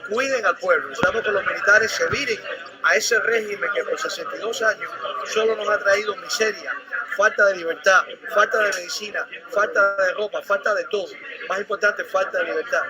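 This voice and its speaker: A man's voice: high-pitched, brisk. A man speaking earnestly to reporters in a played news clip, repeating phrases for emphasis. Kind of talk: speaking to press. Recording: news clip with crowd noise.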